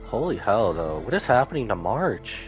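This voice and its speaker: With a sing-song, mid-range voice at a moderate pace, a game streamer comments casually on a story as it plays, reads some dialogue aloud and lets out dramatic exclamations. Video game music runs underneath, and the audio is poor.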